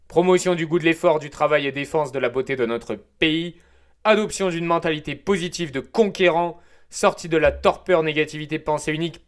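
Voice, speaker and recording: A man's voice: a little high, a bit bright. A man hosting a prepared solo talk show, delivering an opinionated, provocative monologue with wordplay asides and frequent hesitations. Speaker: show host.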